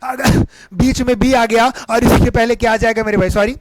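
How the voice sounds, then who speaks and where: A man with a very high voice and a Hindi accent, teaching an English pronunciation class with lively energy. He keeps asking his students questions and answering them himself, and the sound is close and dry. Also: brisk, no echo, poor audio. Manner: energetic, repeats key points as questions to students. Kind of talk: online classroom lesson.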